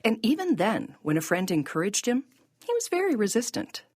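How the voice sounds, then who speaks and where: A woman reading scripted documentary narration in a measured, plain way. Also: medium pitch, very animated, no room sound, studio quality.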